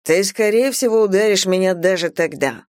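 A woman voicing an arrogant male god in an audiobook, speaking slowly and low with a mocking, teasing edge. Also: dry recording, studio quality, close to an everyday voice. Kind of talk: audiobook character voice.

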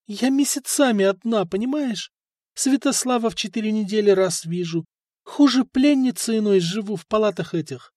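Man voicing a pleading, shrill young princess. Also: animated, normal speed, a little mellow, no echo, clean studio sound. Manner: tearful, pleading, rising to shrill outbursts.

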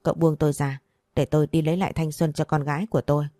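A woman voicing an angry older father who speaks in rapid, furious bursts. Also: deep voice, level tone, no room sound, clean studio sound, natural voice. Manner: furious, rapid shouting threats.

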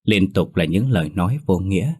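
A male storyteller reading a ghost story aloud in a steady, dramatic manner. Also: low-pitched, fairly quick, breathy edge. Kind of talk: scripted horror story narration.

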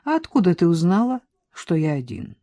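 A woman's voice: lowish voice, sing-song, moderate pace, mellow, no room sound. A woman voicing a blunt, guarded man who asks short, pointed questions. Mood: wry. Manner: blunt, terse, commanding questions.

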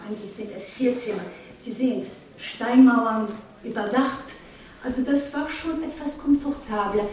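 A woman with a slightly high, darkish voice plays a chatty, proud museum guide leading an informal exhibition tour in a radio play. She is recorded from a distance in a very echoey room with faint noise.

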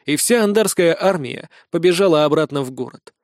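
A man reading a first-person fantasy audiobook in a measured storytelling manner. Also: fairly high pitch, animated, no room sound, clean studio sound. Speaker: audiobook reader.

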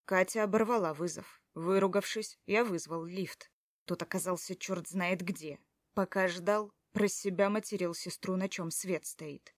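A woman's voice: lowish voice, measured pace, dry recording, studio quality, lightly acted. A woman narrating in first person as a hot-tempered, jealous adult man, brusque and swearing under her breath.

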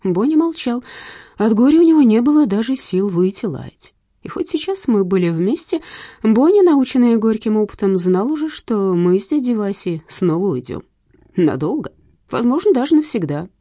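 A woman reading an audiobook in a lively, wry storytelling manner. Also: on the high side, normal speed, husky, no room sound, clean studio sound. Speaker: narrator. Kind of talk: audiobook narration.

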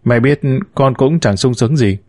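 A man's voice: mid-range voice, normal speed, a little mellow, dry recording, clean studio sound, lightly acted. A man voicing an earnest, stubborn young adult son who argues firmly with his mother in an audiobook story. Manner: earnest, pleading yet firm.

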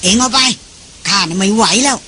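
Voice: medium pitch, animated, fairly quick, bright, forceful tone, slight background noise. A reader voicing a hot-tempered, bawdy old male jungle sidekick who bawls his lines in a raised voice, for an audiobook. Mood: gruff.

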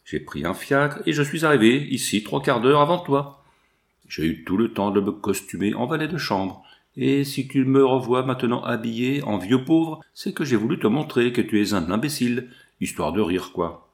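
A man's voice: medium pitch, expressive, normal speed, lightly acted. A gloating, sneering old villain, as a male reader puts him on speaks in a mocking, taunting way, in a storybook reading. His voice sits in an ordinary middle range for a man. He relishes holding the upper hand.

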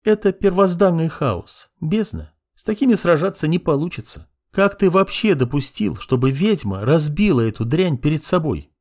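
A man's voice: a little high, animated, moderate pace, few pauses, darkish tone, pitched above the performer's own voice. A man voicing a haughty young demoness who talks down to others in an audiobook. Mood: scornful. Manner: condescending, mocking. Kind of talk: audiobook character voice.

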